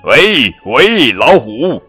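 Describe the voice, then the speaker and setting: A man's voice: lowish voice, big pitch swings, unhurried, faint music behind, voice pushed up. A man voicing a kind, curious patchwork elephant with eager, raised calls. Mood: calling.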